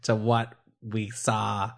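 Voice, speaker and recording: A man's voice: on the low side, completely flat delivery, slow pace, vocal fry. Man planning in a tabletop game. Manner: planning, reassuring. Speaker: player.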